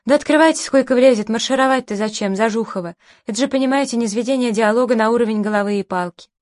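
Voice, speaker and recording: A woman reading as a fastidious ironic intellectual. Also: on the high side, no echo, close to an everyday voice. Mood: dry, ironic. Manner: dry, mildly disdainful.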